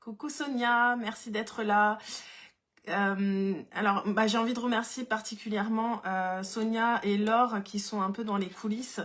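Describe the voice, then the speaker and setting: A woman hosting a spiritual live stream, greeting viewers by name and often pausing on "euh" and restarting her sentences. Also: mid-range voice, steady tone. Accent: French. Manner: warm greetings to viewers, many fillers and restarts. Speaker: live seminar host.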